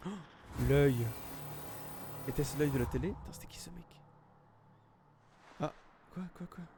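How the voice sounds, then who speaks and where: A man's voice: on the high side, measured pace, background noise. French man narrating his gameplay. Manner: reads in-game English text aloud in a heavy French accent; thinking aloud, hesitant restarts. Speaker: gamer. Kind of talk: French let's play commentary. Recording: game music clearly behind the voice.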